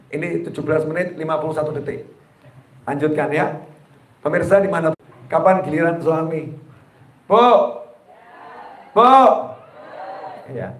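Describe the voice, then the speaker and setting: Guy preaching, joking with the crowd, highish voice, echoey hall. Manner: jokey, addresses audience directly, acts out quoted wives and friends. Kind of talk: humorous Islamic sermon. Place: gathering hall before a live audience.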